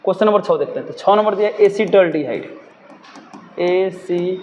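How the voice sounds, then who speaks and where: A man's voice: high-pitched, animated, very fast, a little mellow, in a large hall, lo-fi sound, slight background noise. A young man teaching a chemistry lesson, who keeps asking his own questions and answering them.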